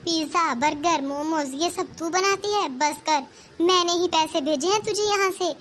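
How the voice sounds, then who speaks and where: A woman voicing an older, sharp-tongued but fair mother-in-law in a cartoon, scolding and lecturing. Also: very high-pitched, moderate pace, a little hiss or hum. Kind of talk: cartoon voice acting.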